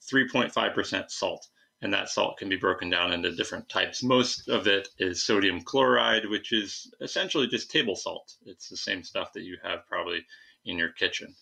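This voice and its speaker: A young man gives an informal science lecture in a low voice with some fry in it. He explains in a halting, conversational way, talking students through his slides. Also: bright, forceful tone. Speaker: science teacher. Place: indoors, recorded at a computer.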